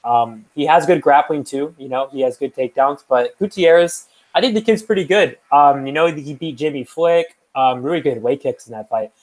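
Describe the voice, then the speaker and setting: A man's voice: fairly high pitch, normal speed, darkish tone, rough recording. A young man co-hosting a podcast, talking through fight picks in a loose, rambling way with lots of fillers and restarts. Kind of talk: casual chat.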